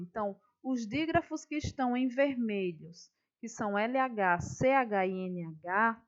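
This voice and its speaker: Woman schoolteacher, patient and unhurried, higher voice; lessons explained step by step. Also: muffled recording. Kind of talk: classroom lesson.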